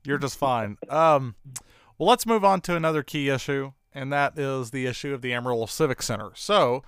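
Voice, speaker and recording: A man hosting a radio interview, asking long, measured, multi-part questions. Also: medium pitch, fairly bright tone, clear, resonant tone, dry recording, studio quality. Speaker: talk show host.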